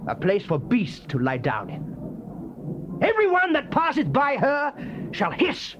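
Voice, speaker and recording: A British-accented man gives a solemn, theatrical, declamatory dramatized reading of the King James Bible, his very high voice swinging hugely in pitch at an unhurried pace. The noisy old cassette tape leaves the recording muffled.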